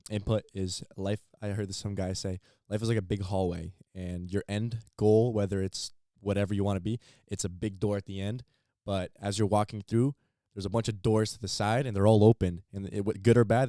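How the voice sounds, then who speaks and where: A teenage man co-hosting a podcast in casual chat, halting and repeating words as he thinks. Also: lowish voice, fairly even intonation, warm tone, dry recording, clean studio sound. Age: teens. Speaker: podcast co-host.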